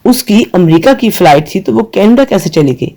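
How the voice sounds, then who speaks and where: A man's voice: sits high, lively intonation, dark tone. A man voicing an angry, brooding young man who speaks bitterly and defiantly.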